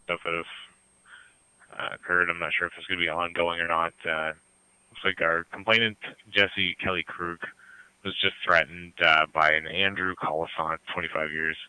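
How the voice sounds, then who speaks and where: A man working as a dispatcher, relaying details over a two-way radio in a matter-of-fact, halting way with coded jargon. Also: low voice, little pitch movement, pushed and bright, clear, resonant tone, no room sound, low-quality recording. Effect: two-way radio transmission. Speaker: emergency services radio dispatcher. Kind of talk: police radio dispatch with codes. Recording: scanner radio feed.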